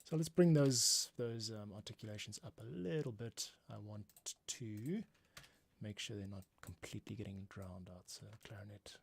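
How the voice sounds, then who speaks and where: Score playback and keyboard clicks fill the background, with music playing behind this composer's slightly rough, fairly low voice. Working through his live music production stream at a moderate pace, he thinks aloud casually as an informal tutorial and frequently mutters to himself.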